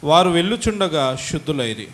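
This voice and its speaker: Man reading scripture in a high voice. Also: big pitch swings, fairly quick, a bit bright. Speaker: scripture reader.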